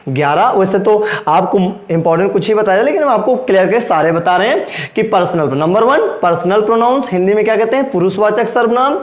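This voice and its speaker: A man's voice: high-pitched, animated, brisk. A male English grammar teacher with a Hindi accent lecturing a class, asking questions and answering them himself. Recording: echoey room.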